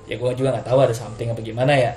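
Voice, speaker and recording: A man, chatting casually about a haunted rental and quizzing his guest in fast slangy talk. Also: mid-range voice. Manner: fast, slangy Jakarta street talk, lively asides. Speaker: interviewer. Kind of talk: casual storytelling chat. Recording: echoey room with music underneath.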